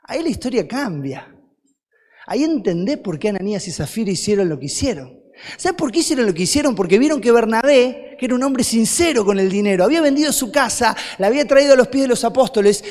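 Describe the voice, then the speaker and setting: A man's voice: extremely high pitch, expressive, brisk, a little mellow. A man with a Rioplatense Spanish accent preaching a sermon as a guest preacher, firing rhetorical questions at the congregation and answering them himself. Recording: long hall reverb.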